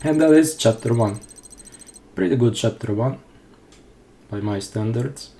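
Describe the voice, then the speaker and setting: A Croatian man, whose native tongue is Croatian, explains his speedrun step by step in casual, self-deprecating live commentary. His medium-pitched voice is warm and unhurried, with a little hiss or hum, and game sounds and gunfire play behind him.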